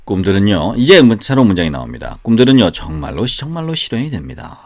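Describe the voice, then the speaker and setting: A man gives a casual spoken English lesson with sung examples, chatty and full of rhetorical questions and repeated phrases, while a guitar plays in the background. His voice is lowish and sing-song, and he talks quickly.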